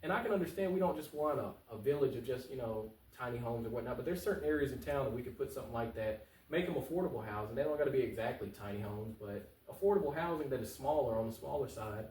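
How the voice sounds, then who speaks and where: A local political candidate gives casual, earnest talk-show interview answers, talking fast with passion and repeating phrases for emphasis. His medium-pitched, expressive voice has a darkish tone, caught by a distant mic in an echoey room.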